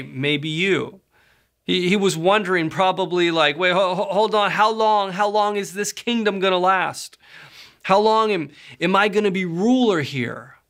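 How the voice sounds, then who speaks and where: A man preaching a sermon as pastor, energetic, laughing often and stumbling over restarts as he acts out everyday quotes. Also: sits high. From Southern California.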